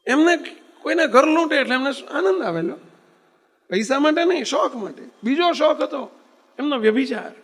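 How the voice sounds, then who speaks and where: Man, preacher, sermon storytelling, emphatic, high voice, long hall reverb. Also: expressive, normal speed, a bit bright. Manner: emphatic, rhetorical questions to the audience.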